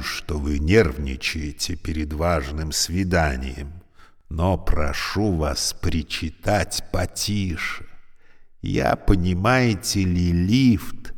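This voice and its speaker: A man voicing an old, creaky, talking elevator, speaking slowly and courteously with a weary, sorrowful politeness. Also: deep voice, in a large hall, voice pushed up, heavily acted. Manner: slow, courteous, mournful.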